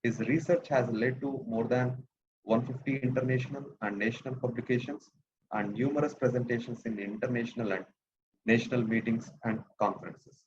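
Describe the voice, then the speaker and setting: A man's voice: mid-range voice, steady tone, brisk. A man with an Indian English accent moderating an online workshop, politely reading out a speaker's introduction. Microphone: computer mic on a video call. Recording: dull lo-fi call audio with faint noise.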